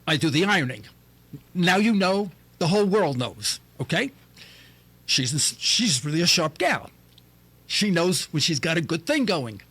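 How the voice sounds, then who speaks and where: A man's voice: on the high side, sing-song, a little slow, a bit bright, slightly rough. A middle-aged man hosting a talk radio show, telling a jokey story and now and then mimicking other people's voices.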